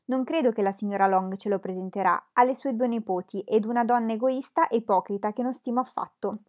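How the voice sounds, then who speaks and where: A woman voicing an excitable, nervous middle-aged mother who talks in a shrill, complaining way. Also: brisk, close to an everyday voice. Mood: fretful.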